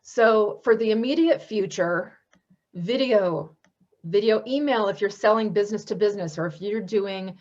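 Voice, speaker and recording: A woman's voice: mid-range voice, normal speed, darkish tone. Woman, marketing speaker, webinar presentation, enthusiastic, conversational, slightly muffled audio.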